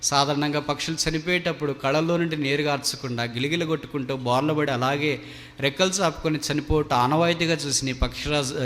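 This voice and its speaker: A male preacher tells a story in his sermon with earnest drama and a fairly high voice. His words carry a long reverb through a large meeting hall. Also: fairly bright tone, a little hiss or hum.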